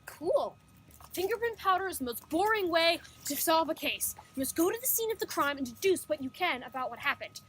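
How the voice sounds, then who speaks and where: A woman voicing young Sherlock, a clever, bored, know-it-all boy, acting in an amateur audio drama. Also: very high voice. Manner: cocky, excitable, quick to complain of boredom. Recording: roomy echo, faint noise.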